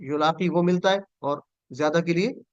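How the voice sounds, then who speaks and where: A man's voice: a little high, smooth, muffled recording. Patient man drilling Arabic verb forms. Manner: patient, repeats words slowly for students to echo. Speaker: Quranic Arabic teacher.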